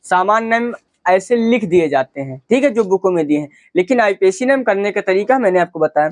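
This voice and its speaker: A man runs through a chemistry class in a high voice. He poses questions and answers them himself, repeating each term for his students. The sound is close and dry. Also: lively intonation, a little fast, no room sound. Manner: repetitive, asks and answers his own questions. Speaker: chemistry teacher. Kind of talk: classroom lecture.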